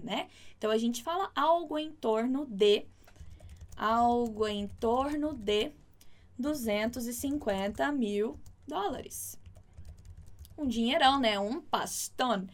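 A Brazilian woman teaching Spanish in an online lesson, explaining patiently and repeating words slowly so learners can practise. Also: on the high side. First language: Portuguese.

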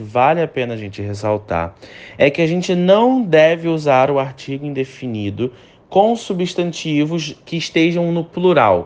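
A man teaching a recorded lesson. He explains patiently, says each example sentence slowly and several times, and asks the listener questions that he then answers himself. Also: fairly high pitch. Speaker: English teacher. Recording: dull lo-fi sound.

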